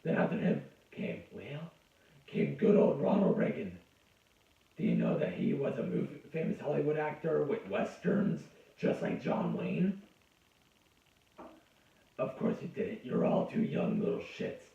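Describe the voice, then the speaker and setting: A man's voice: fairly high pitch, wildly swooping pitch, measured pace, creaky, dark tone. A man giving a crude, rambling comic history lecture, cursing and interrupting himself. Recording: echoey, distant, dull lo-fi room sound.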